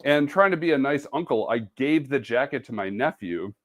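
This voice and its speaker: During a chatty, casual live-stream sewing demo, a man who serves as a sewing ambassador jokes at his own expense and hums or makes little beeps as he works. He speaks animatedly at a moderate pace, his pitch medium.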